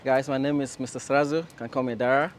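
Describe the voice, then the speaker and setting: A man's voice: mid-range voice, fairly even intonation, quick pace, a little hiss or hum. Confident businessman in a street interview.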